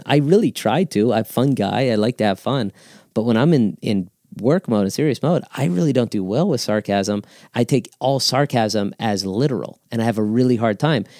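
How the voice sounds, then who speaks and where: A man's voice: on the low side, dark tone, no echo, studio quality. A man giving earnest, emphatic teaching on handling hard conversations, often repeating words as he talks.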